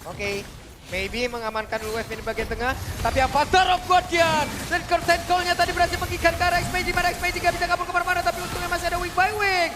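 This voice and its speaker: A man working as an esports caster, giving excited, dramatic play-by-play of a game match. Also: very high-pitched, fast talker, noisy background. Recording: music behind the voice. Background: music.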